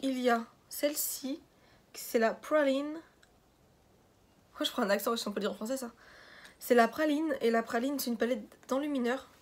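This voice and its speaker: A woman's voice: on the high side, brisk. A young woman chatting casually as she reviews a makeup set, rambling and poking fun at herself. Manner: chatty, rambling, self-mocking. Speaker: beauty vlogger.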